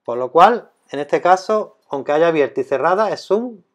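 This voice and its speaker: A man explaining a grammar lesson as a teacher, speaking slowly and deliberately and repeating key terms. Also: fairly high pitch, animated.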